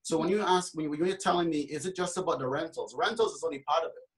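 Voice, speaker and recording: A man's voice: fairly high pitch, quick pace, poor audio. A man from Trinidad and Tobago who works as a realtor, speaking passionately on a panel discussion with many fillers and restarts.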